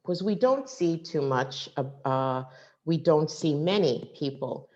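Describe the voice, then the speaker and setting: A woman's voice: deep voice, animated, unhurried, darkish tone. A woman hosting a casual interview, asking curious questions with small hesitations. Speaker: interview host. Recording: muffled lo-fi audio.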